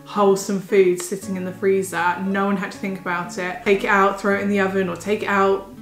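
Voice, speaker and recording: A woman's voice: medium pitch, level tone, brisk. A young pregnant woman, a little out of breath, chatting enthusiastically in a casual food haul vlog at home. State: heavily pregnant, a bit out of breath. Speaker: vlogger. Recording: roomy home recording with faint music.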